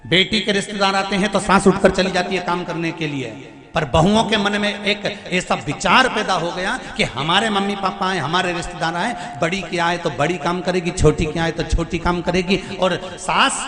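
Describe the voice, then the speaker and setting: A man's voice: high-pitched, moderate pace. A man, giving a devotional sermon in a folksy, teasing way, sometimes half-singing. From Madhya Pradesh, India. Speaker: religious storyteller. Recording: echoey hall with music behind.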